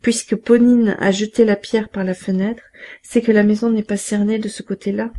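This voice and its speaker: A woman's voice: mid-range voice, level tone, normal speed, warm tone, close to an everyday voice. A woman voicing a scheming middle-aged male innkeeper turned bandit, urgent and scornful.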